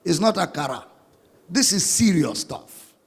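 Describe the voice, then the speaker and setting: A man preaching a sermon as a pastor, singing out scripture lines and spelling words slowly. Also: high-pitched, sing-song, husky, in a large hall.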